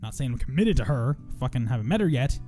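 A man's voice: mid-range voice, sing-song, fast talker, mellow, faint music behind. Rambling, profane man hosting a podcast. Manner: profane, rambling, self-mocking. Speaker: podcast host. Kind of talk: casual chat.

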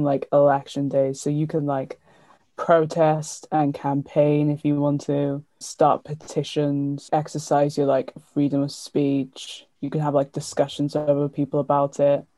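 A woman's voice: sits low, warm tone, no room sound. A young woman, asking questions and explaining things in casual conversation. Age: young adult. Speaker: interviewer.

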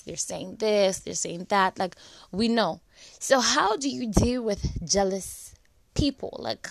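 A young woman vlogger talks casually to camera, giving advice in a chatty, filler-heavy way with lots of "like"s. A flu and dry cough have left her mid-range voice slightly cracked. There is no room sound.

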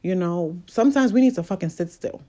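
Mellow-voiced woman giving candid pep talk. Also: lowish voice, animated, fairly quick. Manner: candid, profane, preachy. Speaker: motivational speaker. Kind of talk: casual motivational monologue.

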